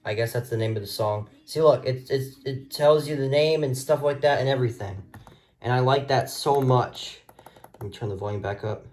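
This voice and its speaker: Recorded on a handheld phone camera, a man shows off his radios in an easygoing, hands-on way. His mid-range voice has a darkish tone, and he moves at a moderate pace with hesitant, rambling talk.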